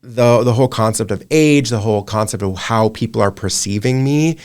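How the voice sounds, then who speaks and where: A man's voice: fairly low pitch, a little fast, darkish tone. A man in his thirties, an image consultant, talking through his ideas at length in a casual interview. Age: 30s. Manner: thoughtful, talks in long run-on thoughts with restarts.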